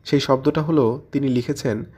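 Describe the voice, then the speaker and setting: A literary audio channel's presenter speaks in a steady, mid-range voice that is darkish with a breathy edge, at normal speed. His scripted commentary on literature is explanatory, built around questions he poses and then answers.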